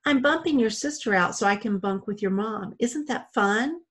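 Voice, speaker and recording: A woman's voice: medium pitch, expressive, normal speed, fairly bright tone, natural voice. A woman reading aloud and voicing a bossy, cheerful aunt who speaks sweetly and commands. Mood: pushy cheerful. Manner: sugary, overly sweet and commanding. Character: bossy cheerful adult aunt, pushy and sing-songy.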